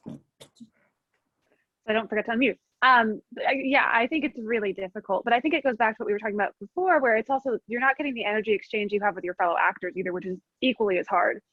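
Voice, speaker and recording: Female actor in a talkback, rapid chatty delivery, dull call audio. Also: a little high, no echo. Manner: quick, chatty, self-aware. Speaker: cast member on a panel. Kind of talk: casual panel discussion. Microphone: video call.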